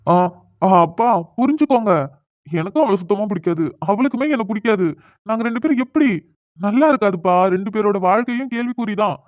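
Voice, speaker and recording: A man's voice: sits high, expressive, a little fast, no echo. A man voicing a sulky, stubborn young husband who protests and pleads in a cartoon, recorded with a thin, phone-like sound. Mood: pleading. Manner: whiny, protesting, exasperated. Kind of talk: cartoon voice acting. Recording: dry, phone-like narrow sound.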